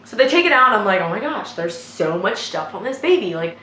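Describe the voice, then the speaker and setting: A young woman, a nursing student, telling a story casually in a chatty, animated way with lots of filler words. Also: medium pitch, a little fast. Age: young adult. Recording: echoey room with faint noise.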